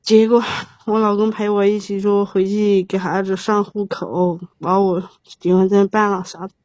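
Woman in her thirties, halting and rambling. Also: mid-range voice, little pitch movement, darkish tone, no room sound. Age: 30s. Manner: rambling, halting, many restarts. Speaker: caller. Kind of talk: emotional advice call. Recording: dull lo-fi sound, dry.

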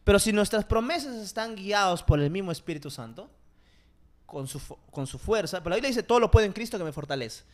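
A man's voice: high-pitched, fast. A young man, chatting casually as a co-host and telling stories with lots of laughter and acted-out quotes. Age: 20s. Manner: animated storyteller, laughs often, acts out quotes. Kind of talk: casual chat.

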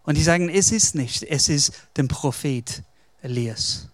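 A man preaches a short devotional, retelling a Bible story with animated energy and stray English words. His voice sits high and his pace is slow. The recording is close and dry. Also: no echo.

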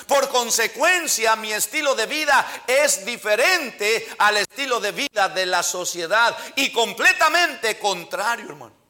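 A man preaching an emphatic sermon in church, often calling his listeners brother and reading scripture aloud with slow stress. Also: high-pitched, expressive, sharp tone. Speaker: pastor.

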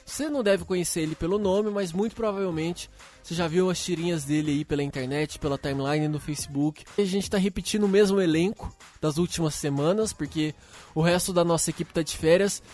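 A man's voice: fairly high pitch, fairly quick, darkish tone. A man hosting a casual podcast chat, upbeat and playful as he welcomes guests and leads the talk. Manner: upbeat, playful, cheers for applause. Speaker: podcast host.

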